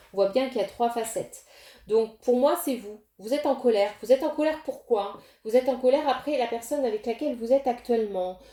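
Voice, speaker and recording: A woman's voice: a little high, mellow, reverberant. Hesitant woman reading tarot to camera. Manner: hesitant, many fillers and restarts, addresses viewers directly. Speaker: tarot reader.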